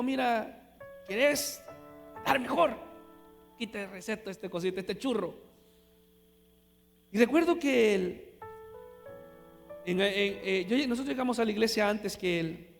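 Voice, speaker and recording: A man with a Honduran accent preaching a sermon, telling a story and swinging from hushed lines to loud exclamations. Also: sits high. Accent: Honduran Spanish. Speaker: pastor. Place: large church hall. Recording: live church hall reverb with music.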